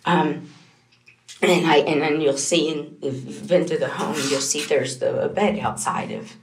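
A young woman speaks in a slightly low voice, halting and distraught as she recounts events to police. She pushes on through broken starts, and her voice climbs as she goes. The bare interrogation room gives her words an echoey ring. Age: young adult. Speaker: suspect under police questioning.

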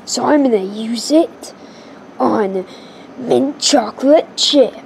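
Smug kid genius, offhand and dismissive, voiced by a girl; slightly high voice, homemade toy movie. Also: takes it slowly, vocal fry, a little mellow, a little hiss or hum. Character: know-it-all inventor kid Gary, dismissive.

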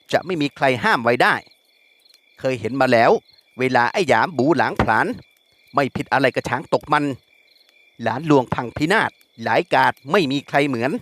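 Bright-voiced male audiobook narrator. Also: mid-range voice, lively intonation, normal speed. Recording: long reverb.

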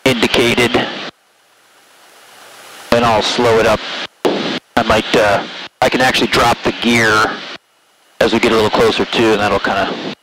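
A man's voice: lowish voice, level tone, unhurried, long pauses. A man flying a small plane, talking casually and matter-of-factly over an aviation headset. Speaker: pilot. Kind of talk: casual cockpit radio and intercom talk. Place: cockpit of a small plane in flight. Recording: noisy radio-like cockpit headset audio. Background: loud engine noise, clicks.

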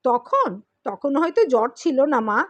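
A poor, gentle old farmer, read by a woman, speaking in a soft, hushed, pleading way. The pitch stays fairly high and the recording is dry and close with no room sound. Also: very animated, unhurried, no room sound, full character voice. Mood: weary.

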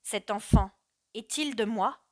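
A woman doing a grim, menacing father. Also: lightly acted. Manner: slow, low, menacing calm. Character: stern older Corsian father, grim and cold.

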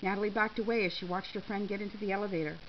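A woman reading a short story aloud in a lively, expressive way. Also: mid-range voice, very fast. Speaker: reader. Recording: slightly dull with faint hiss.

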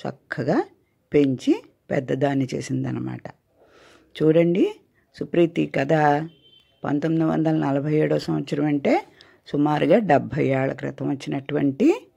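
An older woman telling a children's story as a grandmother, in a gentle, coaxing tone. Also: sits low, vocal fry, husky. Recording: dull lo-fi recording.

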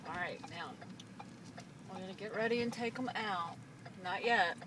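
A woman's voice: mid-range voice, moderate pace. A woman chatting casually as she looks after a passenger while driving. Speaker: driver looking after the patient. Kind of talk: casual chat. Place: inside a car. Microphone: handheld phone in the car, a little away. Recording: distant car recording with road noise.

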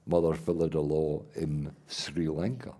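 An older Scottish man telling rambling stories full of halting restarts, as the guest in an onstage conversation before an audience. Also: very deep voice, mellow, husky. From Scotland. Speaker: guest artist and playwright. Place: event hall before an audience.

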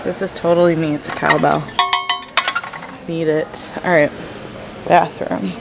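A woman's voice: low voice, flat delivery, unhurried, creaky. A young woman with an upstate New York accent, chatting casually as a vlogger into a handheld camera. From upstate New York, USA. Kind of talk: casual vlog chat. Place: car, outdoors and busy large shops. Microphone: handheld camera at arm's length. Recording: noisy handheld camera with surrounding ambience.

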